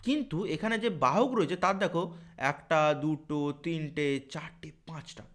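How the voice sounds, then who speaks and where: A man's voice: on the high side, a little slow, a bit bright. A male physics teacher giving an exam-prep lecture, explaining step by step and answering his own questions.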